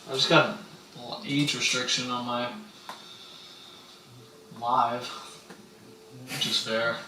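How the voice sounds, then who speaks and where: A man's voice: mid-range voice, little pitch movement, slow, bright, forceful tone, recorded from a distance, slight background noise. A young man streaming, telling a rambling, slangy story in casual chat and quoting people in voices. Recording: roomy, off-mic with faint ambience.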